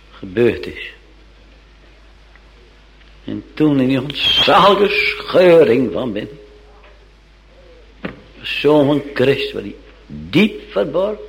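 A male preacher delivers a sermon with slow, deliberate pacing and a gravelly fry in his voice. His pitch sits a little high and moves widely as he retells the story dramatically, repeating phrases for effect. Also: poor audio.

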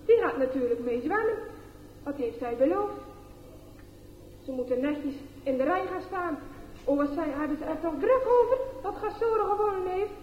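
A woman reading a children's story aloud in an expressive, animated way. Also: sits high, moderate pace, slight background noise. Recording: echoey, dull lo-fi room recording.

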